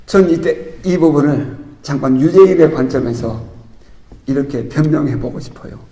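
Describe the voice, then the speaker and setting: A man's voice: on the high side, moderate pace, warm tone. A middle-aged male pastor giving an expository sermon in a chatty way, laughing now and then and acting out the voices he quotes. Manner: conversational, laughing asides, acts out quoted voices. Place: church sanctuary. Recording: reverberant church hall.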